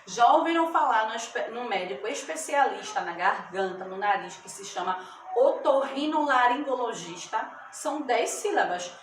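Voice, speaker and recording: A woman teacher giving a lesson to children, stretching out words syllable by syllable and often checking that they follow. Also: fairly high pitch. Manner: slow, drawn-out syllables, checks in with "tá bom?". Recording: echoey room, mic at a distance, background noise.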